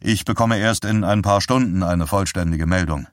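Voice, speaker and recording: A reserved male police sergeant, voiced by a male reader delivers news in a measured, formal tone. His voice is deep and the recording is dry and close, in the manner of an audiobook. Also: no echo, lightly acted.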